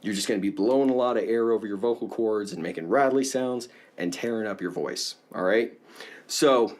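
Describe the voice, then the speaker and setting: A man teaching a casual singing lesson, explaining in a relaxed way and often checking in with the viewer. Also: lowish voice, fairly quick.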